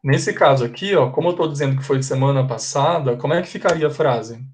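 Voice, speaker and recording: A man's voice: medium pitch, a little hiss or hum. Patient man teaching English. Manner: patient, repeats examples slowly for students. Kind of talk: live online class.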